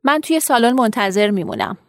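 An actress playing a young woman who warmly thanks her counselor in a radio drama. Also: a little high, very animated, dry recording, studio quality. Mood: grateful. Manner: warm, grateful.

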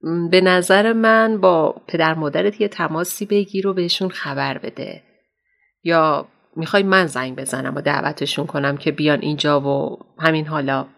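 An actress playing a kindly, motherly woman doctor who counsels young women, speaking gently and affectionately in a radio drama. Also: low voice, fairly even intonation, creaky. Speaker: counselor at an Islamic center.

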